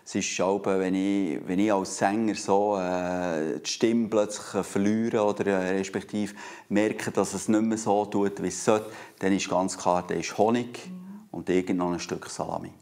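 A Swiss German man talks with a very low voice, measured and pausing. He is a singer who is a dinner guest. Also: fairly even intonation, darkish tone.

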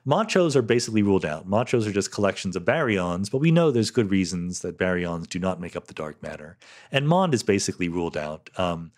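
This podcast host answers listener questions on his own, thoughtful and explanatory, scattering "um" and "right?" throughout. His voice sits low, with a sing-song, slightly mellow quality, and he talks a little fast.

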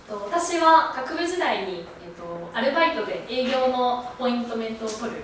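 A woman's voice: on the high side, expressive, moderate pace, a little hiss or hum. A young woman answering interview questions in very polite, formal speech. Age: young adult. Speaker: job applicant in mock interview. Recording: echoey room, distant mic.

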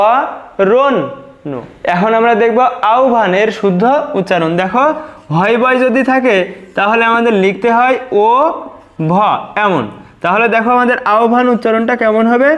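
Male teacher, high-pitched voice, patient, repeats each syllable slowly, exam-prep lesson.

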